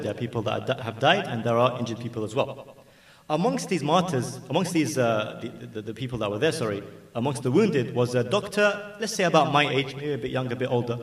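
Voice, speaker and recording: A man giving an urgent, pleading religious exhortation at a mourning gathering, repeating his phrases for emphasis. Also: mid-range voice. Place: large gathering hall. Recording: echoey hall, mic at a distance.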